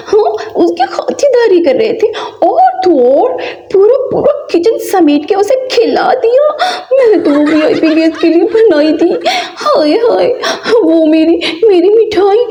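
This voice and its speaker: Lady doing a dramatic mom doll, high voice, mellow tone, sobbing and scolding, kinda muffled audio. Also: lively intonation, a little slow. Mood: wailing. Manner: wailing, half laughing half crying. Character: fussy wailing mother doll, dramatic and scolding. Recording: slightly muffled recording.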